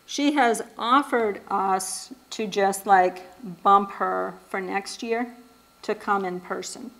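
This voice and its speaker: A woman's voice: mid-range voice, takes it slowly, vocal fry, fairly bright tone, rough recording. Woman chatting casually at a church. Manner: conversational, with many fillers and restarts. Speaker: speaker at a church event. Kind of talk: casual talk to a church group.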